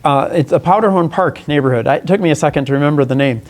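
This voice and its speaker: In an earnest, deliberate manner, a man running for Congress presents a formal statement at a press conference, reading part of it aloud. His voice is somewhat high for a man. He sometimes trips over words and corrects himself while reading or explaining.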